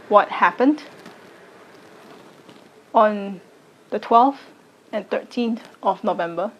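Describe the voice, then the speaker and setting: Woman, late twenties, measured deliberate delivery, mid-pitched voice, personal statement to camera. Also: dull audio. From Singapore. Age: late 20s. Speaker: arts educator and content creator.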